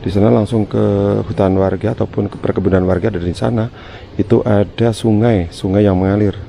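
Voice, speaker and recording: A man's low-pitched voice comes through clearly noisy outdoor sound as he addresses his viewers in a casual vlog. His delivery is hesitant and uneasy, with a gravelly creak running through it. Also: steady tone, a little fast, warm tone. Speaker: vlogger, channel host. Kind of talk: casual spoken exploration vlog. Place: outdoors around an overgrown empty house. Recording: noisy outdoor handheld recording, ambient hum.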